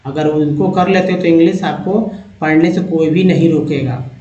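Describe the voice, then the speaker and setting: A man with a high voice teaches English pronunciation, sounding out each word piece by piece and repeating it. He calls his viewers friends. The sound is roomy and a little dull. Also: steady tone, dark tone, a little hiss or hum. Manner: drills words slowly, repeating each part. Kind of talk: spelling and pronunciation lesson.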